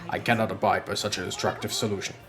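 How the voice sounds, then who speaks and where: A streamer doing Omnimon, solemn deep-voiced knight. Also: flat delivery, music in the background, lightly acted. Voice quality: forced deep strained voice. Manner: formal measured explaining. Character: solemn armored knight guardian, grave. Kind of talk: game dialogue read aloud.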